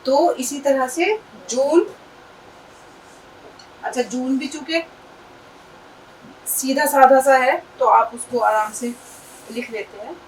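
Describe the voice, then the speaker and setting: A woman's voice: sits high, fairly even intonation, pauses often. A woman teaching an Urdu lesson, patiently explaining and spelling words out letter by letter. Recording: distant mic with faint background noise.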